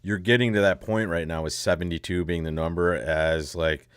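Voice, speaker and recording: A man with an extremely deep voice hosts live bridge commentary. He teases his co-hosts and laughs easily, and the sound is dry and close. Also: fairly even intonation, normal speed, clean tone, dry recording.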